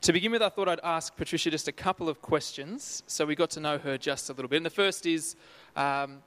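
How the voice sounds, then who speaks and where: A man's voice: on the high side, fairly quick, a bit bright. A man hosting a church event, introducing the speaker in an upbeat, welcoming way and leading a prayer. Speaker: host.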